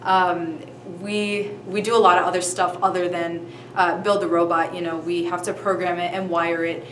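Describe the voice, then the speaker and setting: A woman's voice: fairly low pitch, flat delivery, normal speed, fairly bright tone. A teenage girl, the outreach lead of a robotics team, answering hesitantly with many ums and you-knows. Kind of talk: casual interview answers. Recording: echoey room with faint noise.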